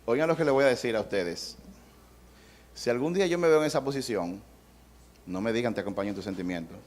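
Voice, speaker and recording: A middle-aged male pastor preaching a sermon in a conversational way, acting out quotes and adding humor. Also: mid-range voice.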